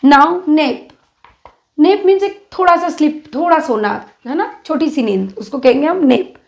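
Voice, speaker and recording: A woman's voice: sits high, animated, creaky. A young woman with an Indian English accent teaching children phonics, spelling words out letter by letter in a patient, coaxing way. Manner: slow, drawn-out letter-by-letter spelling.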